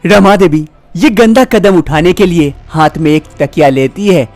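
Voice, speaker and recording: A man narrates a scripted story in a plain, even manner. His voice sits on the high side for a man. Faint music plays underneath. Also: unhurried, no echo.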